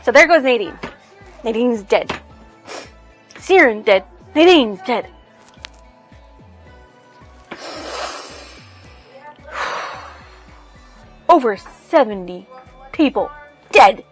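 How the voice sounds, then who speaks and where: A woman's voice: on the high side, animated, very slow, long pauses, soft background music. A woman reviewing a novel in casual chat, rambling with many fillers and swearing freely. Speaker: book reviewer.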